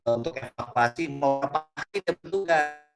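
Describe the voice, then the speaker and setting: A man's voice: medium pitch, moderate pace, gravelly, over music. A man presenting in an online meeting, going through points one by one, his audio breaking up and glitching over a bad connection. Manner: methodical, lists points one by one. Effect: choppy, glitching audio from a bad connection. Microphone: video call.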